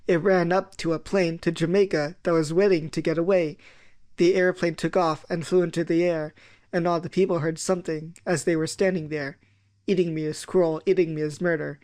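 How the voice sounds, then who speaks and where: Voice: mid-range voice, steady tone, normal speed, a little mellow. A reader performing children's poems aloud, acting out the lines with sound effects. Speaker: poetry reader.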